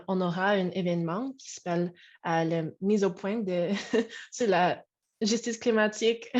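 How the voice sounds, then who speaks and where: A woman presenting as co-host at a bilingual online event, speaking over a video call. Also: on the low side. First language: English. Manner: halting and searching when speaking French. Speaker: co-director of an activist hub, event co-host. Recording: dull, lo-fi video call audio.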